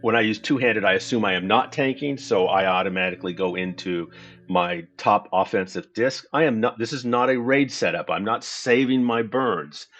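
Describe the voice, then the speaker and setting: Dull audio captures a low-voiced man hosting a casual screen-recorded game walkthrough. He lays out his setup in an unhurried, explanatory way, with frequent self-corrections.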